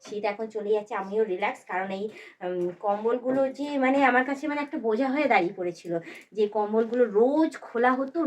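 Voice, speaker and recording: Housewife vlogging from her bedroom, sore throat so she keeps it soft, rattles on fast and chatty. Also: on the high side. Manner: rambling, talks straight to viewers while doing chores. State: sore throat, speaking softly. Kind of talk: casual chatty vlog. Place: bedroom at home.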